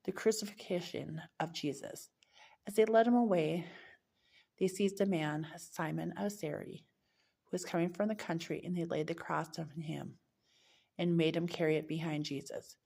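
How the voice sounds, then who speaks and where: A woman's voice: fairly low pitch, steady tone, moderate pace, vocal fry, dark tone. A woman reading a Bible chapter aloud, now and then stumbling and correcting herself mid-word. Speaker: scripture reader.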